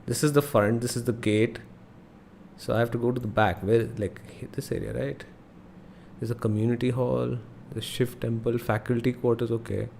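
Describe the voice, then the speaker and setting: A young man with an Indian accent streams a game in a casual, exclamatory way. His voice sits at an average male pitch as he thinks aloud, and some noise runs behind him. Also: steady tone, normal speed, gravelly, darkish tone. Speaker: live streamer playing a geography guessing game. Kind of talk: casual live stream commentary. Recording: noticeable background noise.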